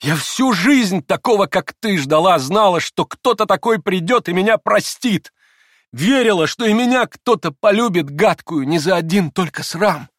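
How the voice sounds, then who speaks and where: A man voicing a proud, wild young woman who speaks in impassioned, shrill outbursts. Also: lively intonation, unhurried, no room sound, studio quality. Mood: frenzied.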